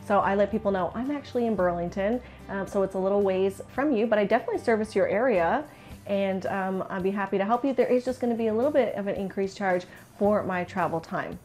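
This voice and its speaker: Faint music sits behind a woman with a Canadian accent who speaks at a quick pace in a medium-pitched, slightly mellow voice. Coaching interior designers in an informal video to camera, she gives candid, chatty advice and acts out client comments.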